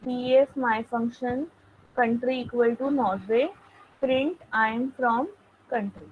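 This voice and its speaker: A woman gives an online programming lecture over a video call, explaining step by step and filling pauses with "okay." Her voice is on the high side with fairly even intonation, heard through phone-quality sound with slight background noise.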